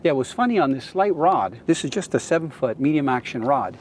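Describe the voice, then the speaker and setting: A man's voice: medium pitch, animated, fairly quick, a little mellow, slight background noise. A middle-aged Canadian man giving casual, enthusiastic fishing commentary as show host, explaining things as he goes, speaking outdoors from a kayak.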